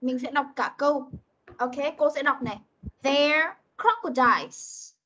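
A woman teaching English to young children in an online class, coaxing them and modeling words slowly for them to repeat. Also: high-pitched, steady tone, fairly bright tone, slight background noise. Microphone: video call. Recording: dull lo-fi video call audio.

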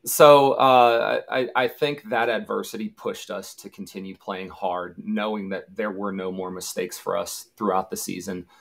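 A man in his thirties with a lowish voice recounts old game days in a relaxed, anecdotal way. He talks casually as an interview guest and now and then acts out the shouts of the moment. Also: unhurried, creaky, hardly any pauses. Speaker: guest, former college football punter.

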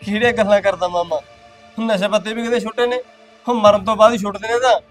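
A man's voice: high-pitched, fairly even intonation, quick pace, soft background music, natural voice. A man playing a drunk addicted husband who brushes off advice and asks for his bottle. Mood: drunk dismissive.

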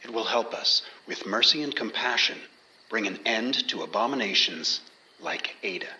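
An actor playing an intense, mystical male sculptor and researcher who talks slowly, at times in a near-whisper. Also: on the low side, expressive, bright, forceful tone, low-quality recording. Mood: cold. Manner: slow, intense, half-whispered. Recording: crowd murmur behind.

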